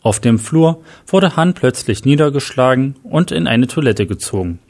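A man's voice: medium pitch, expressive, normal speed, a little mellow. Man narrating a dramatic story.

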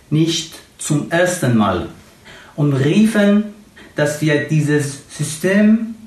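A young man from Iran with an Iranian accent, reading a prepared political appeal in a slow, solemn, deliberate way. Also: sits high, a little mellow. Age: young adult. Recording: roomy echo, far from the mic.

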